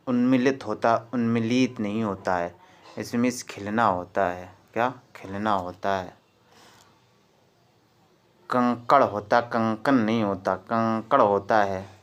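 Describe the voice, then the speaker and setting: In a smooth, lower voice, a man teaches spelling for an exam, drilling the words by saying each one again and testing his students.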